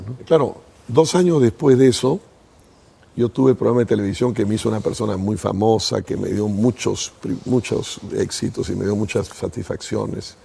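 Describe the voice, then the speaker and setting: Gravelly older man reminiscing. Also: lowish voice, warm tone. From Peru. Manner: thoughtful, reminiscing, speaks in first person at length. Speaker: interview guest. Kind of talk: reflective interview storytelling.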